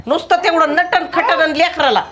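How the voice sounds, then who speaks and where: A sharp-tongued older mother-in-law, as a woman acts her out. She nags and scolds in a fairly high voice, dropping folk sayings as she goes. Background music runs under the comic family sketch. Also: moderate pace. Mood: scolding.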